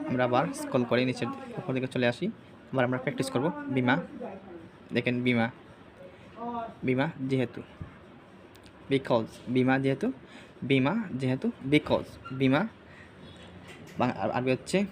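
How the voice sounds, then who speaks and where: A man's voice: mid-range voice, a little hiss or hum. A man teaching an Arabic vocabulary lesson over a screen share, repeating each word several times as a drill.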